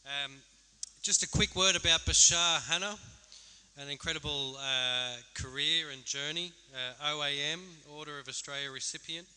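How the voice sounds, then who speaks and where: A man's voice: fairly high pitch, normal speed, pushed and bright, clear, resonant tone. A man emceeing a live event, introducing acts with hesitant filler-laden phrasing. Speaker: event host. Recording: long hall reverb.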